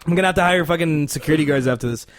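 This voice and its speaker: Animated young guy, dude-heavy chatter. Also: on the high side, racing, very noisy. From Canada. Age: 20s. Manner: animated, profane, peppers speech with "dude" and "like". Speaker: podcast guest. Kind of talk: casual chat.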